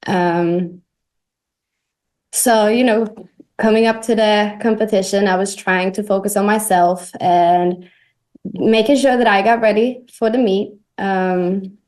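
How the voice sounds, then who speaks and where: A young woman from Sweden, a native Swedish speaker, answers as an interview guest. She talks softly and hesitantly at a middle pitch, with many fillers. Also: fairly even intonation, slow. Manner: soft-spoken, hesitant with fillers. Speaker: guest athlete.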